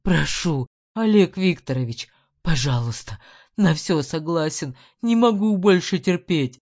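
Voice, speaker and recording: A woman voicing a frightened, servile male henchman in an audiobook, his voice high and strained as he pleads. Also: lively intonation, a little slow, a little mellow, no room sound. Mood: screaming, begging. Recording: dull lo-fi recording.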